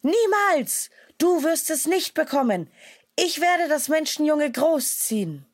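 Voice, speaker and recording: A woman voicing a fierce, protective mother wolf in a children's storybook, speaking gently and slowly. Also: medium pitch, sing-song, no echo, studio quality, pitched above the performer's own voice. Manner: soft and tender, turning fierce when defending.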